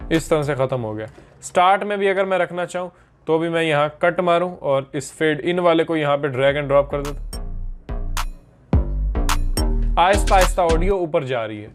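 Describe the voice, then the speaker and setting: Man giving a casual software tutorial. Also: fairly high pitch, pauses often, faint music behind. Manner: step-by-step explaining, casually mixing in English terms. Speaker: video editing instructor. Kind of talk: screen-recorded software tutorial.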